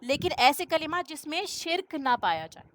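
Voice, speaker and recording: A woman's voice: high-pitched, sing-song, a bit bright. A woman teaching a religious lesson, explaining step by step, posing rhetorical questions and checking in with "okay?", with many English words mixed into her speech. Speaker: Islamic teacher.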